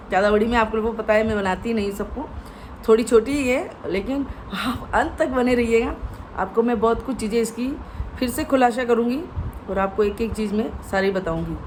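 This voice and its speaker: A woman's voice: medium pitch, darkish tone, a little hiss or hum, low-quality recording. A woman giving a gossip commentary vlog in a mocking tone, tagging nearly every sentence with a rhetorical question. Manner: mocking, with constant "है ना?" tags. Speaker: YouTube commentator.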